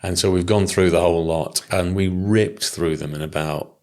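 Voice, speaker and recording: A man's voice: low voice, moderate pace, darkish tone. A man co-hosting a podcast in casual chat, wry and playful, often breaking into mocking voices. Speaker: podcast co-host.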